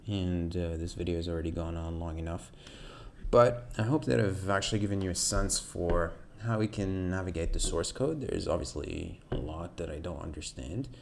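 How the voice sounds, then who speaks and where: A man's voice: low-pitched, moderate pace, creaky, slight background noise. A man hosting a coding tutorial, hesitantly thinking aloud through source code with many fillers. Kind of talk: screen-recorded coding walkthrough.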